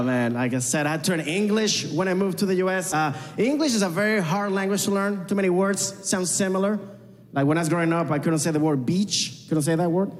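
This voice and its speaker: Venezuelan-accented comedian on a stage. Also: male voice, on the high side, long reverb tail, slight background noise. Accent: Venezuelan Spanish. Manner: chatty, self-mocking, talks to the crowd. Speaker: stand-up comedian. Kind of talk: stand-up comedy set.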